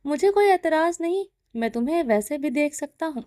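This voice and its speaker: A woman's voice: high voice, lively intonation, dark tone, no echo, studio quality. A woman reading the lines of a domineering, possessive male mafia boss in a teasing, commanding way, in a storybook reading. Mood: taunting. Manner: taunting, commanding.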